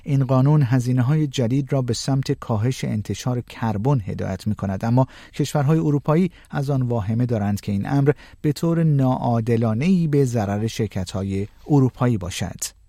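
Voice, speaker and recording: A man reading the news as an anchor, in a measured, even newsreader delivery. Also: mid-range voice, no room sound, clean studio sound.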